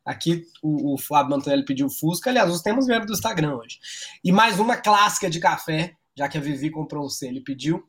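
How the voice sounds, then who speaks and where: A man's voice: a little high, expressive, a little fast, fairly bright tone. A man hosting a comedy chat show, telling jokes playfully and acting out voices. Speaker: comedy podcast host.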